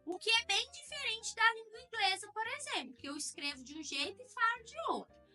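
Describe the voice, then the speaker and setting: A woman's voice: extremely high pitch, lively intonation, fairly quick, bright, forceful tone, faint music behind. A young adult woman from Goiás with a Central-West Brazilian accent, teaching an online class and explaining patiently step by step. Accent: Central-West Brazilian Portuguese.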